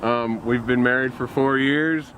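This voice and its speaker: A man's voice: medium pitch, fairly even intonation, measured pace, dull audio. Rambling man outdoors. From El Paso, Texas. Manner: rambling, chatty, many fillers. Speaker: guest met on the road. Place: outdoors by a park welcome sign. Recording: outdoor noise behind.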